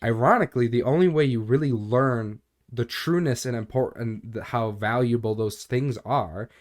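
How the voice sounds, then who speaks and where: A man's voice: medium pitch, normal speed. A young man co-hosting a podcast, talking earnestly about faith in a casual, rambling way, with a recurring cough. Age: young adult. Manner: earnest, rambling, with many fillers. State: intermittent cough. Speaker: podcast co-host.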